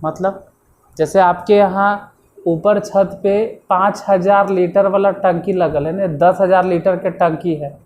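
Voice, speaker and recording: A woman's voice: on the low side, steady tone, slow, lo-fi sound, a little hiss or hum. A woman teaching English grammar in an informal lesson. She hammers points home by repeating them and scolds learners in mock disbelief. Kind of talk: informal classroom-style lesson.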